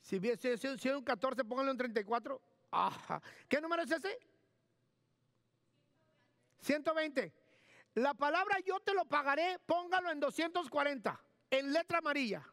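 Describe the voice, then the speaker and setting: Man preaching in a high, bright voice. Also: expressive, normal speed, pauses often, no echo. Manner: emphatic, repeats key words, directs the sound booth. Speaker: pastor. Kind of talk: sermon. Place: church.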